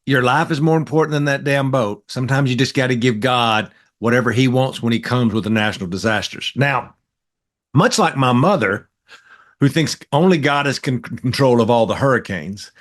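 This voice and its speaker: A man's voice: medium pitch, animated, moderate pace. A middle-aged man, talking politics in a blunt, folksy way as a podcast co-host. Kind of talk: casual political chat.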